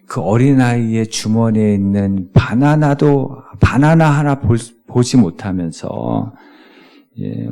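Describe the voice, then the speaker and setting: A man's voice: medium pitch, creaky, warm tone. A male pastor giving a conversational sermon, often asking his listeners rhetorical questions.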